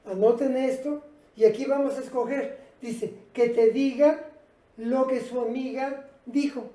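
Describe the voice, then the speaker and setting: A woman's voice: sits high, steady tone, unhurried, warm tone, echoey room, rough recording. A woman teaching a patient, explanatory language lesson at a whiteboard, speaking directly to her students. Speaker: English teacher.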